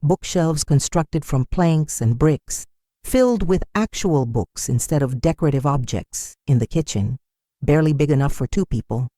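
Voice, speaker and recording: A woman reading a scripted first-person story in an even, measured way. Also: deep voice, dry recording, clean studio sound.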